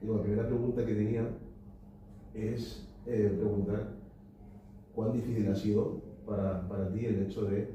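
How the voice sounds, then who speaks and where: A man's voice: fairly low pitch, fairly even intonation, moderate pace, warm tone, a little hiss or hum. A young man in the audience asking a long, hesitant question at a book talk, full of fillers and tag questions. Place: lecture hall at a cultural society. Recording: echoey hall, distant and dull.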